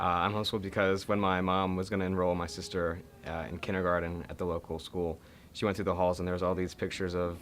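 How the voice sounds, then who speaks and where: A man's voice: sits low, fairly bright tone, slight background noise. An eighteen-year-old man, a graduating homeschool student, answering interview questions casually and with hesitant starts.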